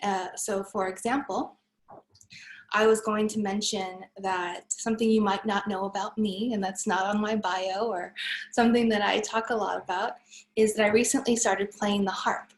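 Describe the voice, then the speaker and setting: A woman's voice: mid-range voice, little pitch movement, normal speed, roomy sound, low-quality recording. A woman giving a reflective personal introduction in earnest, flowing words. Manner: earnest, flowing, spiritual wording. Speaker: community participant.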